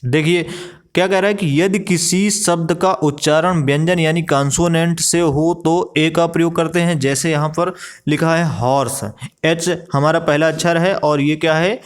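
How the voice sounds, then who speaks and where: A man's voice: on the high side, steady tone, moderate pace. A male teacher explaining a grammar lesson, asking himself rhetorical questions and spelling out words letter by letter. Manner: repeats rhetorical questions and "ठीक है" while explaining. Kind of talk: classroom lesson explaining English grammar in Hindi.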